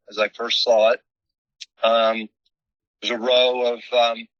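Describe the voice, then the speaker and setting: A man heard over a phone held up to a meeting, speaking haltingly with many pauses and restarts as he explains a project to a commission. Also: mid-range voice, bright, forceful tone, no room sound. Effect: heard over a phone held up to the room. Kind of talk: public meeting remarks. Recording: muffled phone speaker audio.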